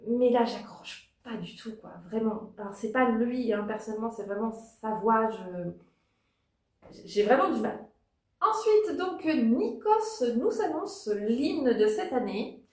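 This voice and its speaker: A woman with a fairly high voice chats casually through her review, full of pauses, fillers and restarts. Her voice carries a noticeable echo from the room. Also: expressive. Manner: hesitant, many fillers and restarts. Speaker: vlogger reviewing a TV talent show. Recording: echoey room.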